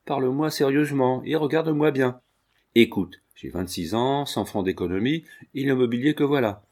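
A man's voice: medium pitch, expressive, moderate pace, darkish tone, natural voice. A man reading a young male tailor who earnestly and tenderly pleads his love. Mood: pleading.

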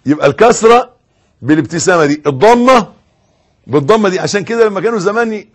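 A man with an Egyptian accent gives a sermon in a slightly high voice. He hammers words through repetition, then drops to a near hush. His delivery moves through wide swings of loudness. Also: lively intonation, fast talker. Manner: swings between loud emphatic bursts and soft hushed tones, repeating words. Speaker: preacher. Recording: audio recording.

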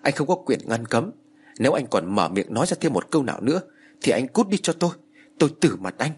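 A man's voice: big pitch swings, fast talker, slightly rough. A man voicing a grieving elderly grandmother who wails and scolds in a storybook tale. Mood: furious scolding. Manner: wailing, shrill.

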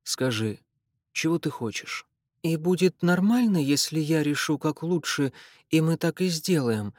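A remorseful young woman, as a male reader puts her on pleads in a lifted, hushed voice, apologizing again and again. Her words come softly insistent and dry, close to the mic. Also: a little high, lively intonation, measured pace, no room sound, pitched above the performer's own voice. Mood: pleading.

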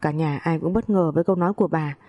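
A woman narrating a family story in the first person, calm and measured. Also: low voice, dull audio.

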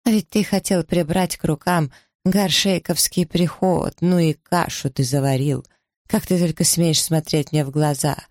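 A man's voice: fairly even intonation, normal speed, darkish tone, dry recording, clean studio sound, natural voice. A man voicing a spiteful middle-aged village woman who shrieks and gloats, in an audiobook. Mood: shrill gloating. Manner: shrill, gloating.

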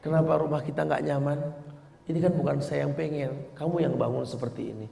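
A preacher doing a soft pleading wife. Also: male voice, on the high side, fairly even intonation, fairly quick, gravelly, pitched below the performer's own voice. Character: gentle pleading wife confronting her husband. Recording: echoey hall recording with long reverb.

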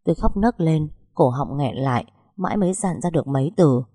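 A woman narrating a story in the first person with a steady, reflective delivery. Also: low-pitched, brisk, husky, dry recording, studio quality.

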